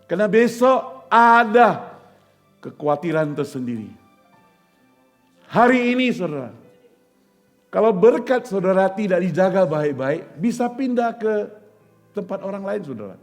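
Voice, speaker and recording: A man's voice: high voice, animated, unhurried, long pauses, faint music behind. A man preaching a sermon as pastor, earnest, with repeated rhetorical questions and storytelling. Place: church.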